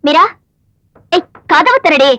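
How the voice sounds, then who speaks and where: An anxious young village wife. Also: female voice, high voice, animated, takes it slowly, sharp tone, heavily acted. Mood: sharp. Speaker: wife in a film. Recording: dry, dull film track with music.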